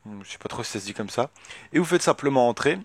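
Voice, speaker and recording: A man of middle pitch guides viewers through a computer tutorial in a loose, halting way, often pausing on filler words. His voice sits close and dry on a desktop microphone with no room sound. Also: expressive, husky, no room sound. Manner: hesitant, many filler words, thinks aloud. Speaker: tutorial youtuber. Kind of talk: casual screen-recorded software tutorial.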